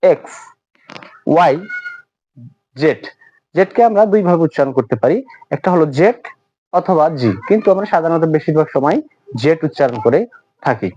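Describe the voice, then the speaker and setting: A man whose first language is Bengali, teaching English letter sounds in a slow lesson, spelling them out one by one. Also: on the high side, expressive, warm tone, dry recording. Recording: dull lo-fi audio.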